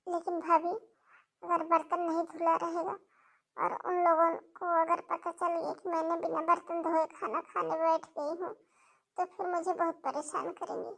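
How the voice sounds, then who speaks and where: Woman doing a timid young girl, mistreated, high voice, pleading, cartoon. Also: flat delivery, normal speed, creaky, fairly bright tone, heavily acted. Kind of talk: cartoon voice acting.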